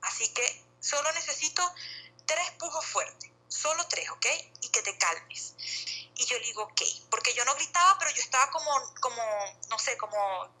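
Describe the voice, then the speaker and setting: A woman's voice: high-pitched, expressive, moderate pace, pushed and bright, breathy edge, low-quality recording. A woman telling her story in casual conversation, rambling along with many fillers and restarts. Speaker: guest sharing birth story.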